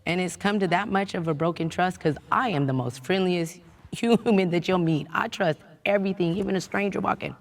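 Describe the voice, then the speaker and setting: A woman's voice: on the low side, brisk. A woman on parole giving an earnest, impassioned account of her experiences in a group discussion. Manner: earnest, impassioned, laughs often. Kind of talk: emotional personal testimony.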